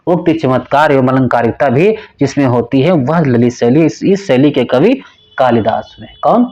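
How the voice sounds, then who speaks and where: A man teaching an exam-prep lecture, repeating key terms and telling students to remember them, sometimes chanting verse slowly. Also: medium pitch, lively intonation, a little mellow, lo-fi sound. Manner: recites verse slowly in a sing-song chant.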